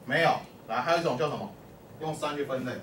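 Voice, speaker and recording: A man's voice: medium pitch, fast talker, a bit bright. Man teaching math in an echoey classroom. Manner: constantly quizzes the class, peppering speech with "lai" and "o" prompts. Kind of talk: classroom lecture. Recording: echoey classroom from far off with faint hum.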